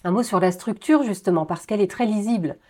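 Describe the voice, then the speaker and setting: A woman speaking to her viewers as the host of her own review channel. Her delivery is animated and expressive, rising with excitement at the big points. She drops in small hesitation fillers as she works through her thoughts. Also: medium pitch, quick pace. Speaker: YouTube host reviewing episodes of a TV series. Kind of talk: enthusiastic video commentary, partly scripted.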